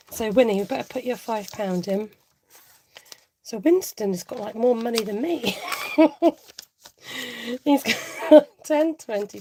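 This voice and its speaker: A woman's voice: medium pitch, warm tone, slight background noise. A woman in her forties chatting casually on a budgeting livestream, giggly and reading out viewer comments.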